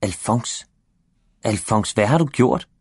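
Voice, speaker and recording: A distracted father in a children's storybook, as a man reads him, answering from behind his newspaper. His voice sits low and comes out in absent, mumbled replies. The recording is close and dry. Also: lively intonation, darkish tone, husky, no echo. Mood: alarmed. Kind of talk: storybook read-aloud.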